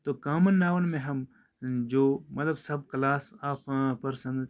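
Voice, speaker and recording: A man's voice: mid-range voice, fairly even intonation. Patient man teaching a grammar lesson. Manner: patient, repetitive explaining. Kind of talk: classroom lesson for children.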